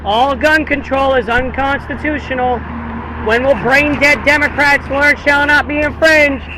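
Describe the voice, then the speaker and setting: On a noisy street beside heavy traffic, an American man protests, declaiming repeated slogans and speaking with people passing by. His pitch is extremely high, yet his tone is steady and he takes his time.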